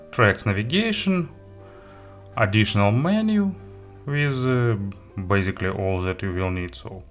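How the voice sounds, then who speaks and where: A tech reviewer who isn't a native English speaker hosts an unscripted, casual product walkthrough. He talks haltingly and hesitantly, correcting himself and listing items as he goes, in a low-sitting, slightly bright voice.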